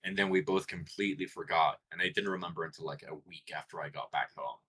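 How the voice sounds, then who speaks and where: Chewing gum and tired on a late-night stream, a man from Colombia speaks with a light Colombian accent in a low, slightly rough voice at a quick pace. His casual chat is relaxed and rambling, with frequent self-interruptions.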